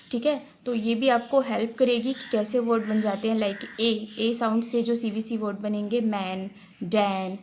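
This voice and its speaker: A woman's voice: on the high side, a little hiss or hum. A woman teaching a phonics lesson as a voice-over. She drags out the example words and keeps checking in with "theek hai". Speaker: English teacher.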